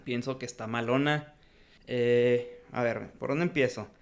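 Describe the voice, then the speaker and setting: A man with a Mexican Spanish accent co-hosts a laid-back film review podcast in an unhurried, steady, medium-pitched voice. His take is frank and slangy, and he laughs frequently.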